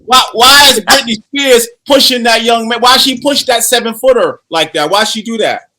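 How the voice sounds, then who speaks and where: A man's voice: very high voice, moderate pace, bright, forceful tone. A middle-aged man co-hosting a podcast, in casual chat, joking with mock outrage. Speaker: podcast co-host.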